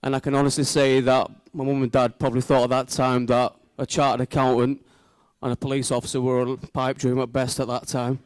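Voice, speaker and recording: A man delivers an informal wedding speech in a smooth, clear voice with very little echo. He sounds sincere and slightly hesitant, like a brother addressing family and friends. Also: mid-range voice, little pitch movement, brisk, hardly any pauses.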